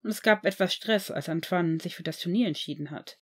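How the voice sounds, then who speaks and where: A woman voicing a shy, quiet teenage boy wizard who talks in a hesitant, halting way in a fan-fiction audiobook. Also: lowish voice, close to an everyday voice.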